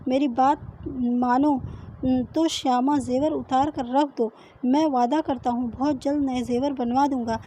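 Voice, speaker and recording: Woman voicing a scared timid husband, anxious pleading, high mellow voice, storybook reading. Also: fairly even intonation, slight background noise, natural voice, poor audio. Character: frightened timid village husband.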